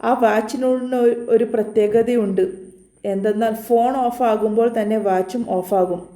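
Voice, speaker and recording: A woman voicing a calm young man who explains a rescue plan in a steady, reassuring way. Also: on the high side, moderate pace, echoey room, lightly acted.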